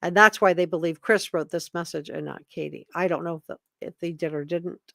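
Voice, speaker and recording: A woman's voice: on the low side, fairly even intonation, a little fast, vocal fry, pushed and bright, no echo, clean studio sound. A woman hosting a live commentary stream, reading statements aloud emphatically with opinionated, informal asides. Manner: emphatic, repeats key words for effect; opinionated, informal asides between read passages. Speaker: livestream host commentator.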